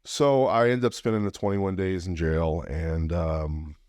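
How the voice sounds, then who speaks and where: Low-voiced Louisiana man, podcast guest, earnest heartfelt storytelling, dead-dry close recording. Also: fairly even intonation, unhurried, a little mellow, dry recording. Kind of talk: personal storytelling interview.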